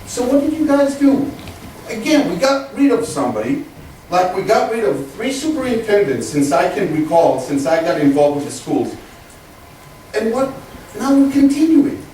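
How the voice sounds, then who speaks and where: A man's voice: sits high, big pitch swings, moderate pace, dark tone. A man from Texas giving an indignant public comment at a town meeting, emphatic and full of pointed questions. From grew up in Texas. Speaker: resident speaking at a town meeting. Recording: echoey hall from far off, faint noise.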